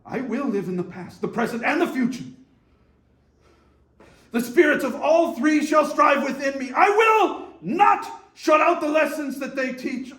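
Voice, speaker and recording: Casting: male actor as repentant old miser, high voice, slow delivery, theatrical, begging a spirit for mercy. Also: fairly bright tone, exaggerated voice. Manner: earnest, pleading, theatrical. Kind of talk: readers theater performance. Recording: echoey room.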